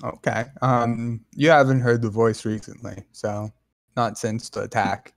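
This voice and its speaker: Slow, hesitant male game master. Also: medium pitch, flat delivery, vocal fry, no room sound, clean studio sound. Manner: halting, many ums and restarts. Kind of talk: narrating a tabletop game.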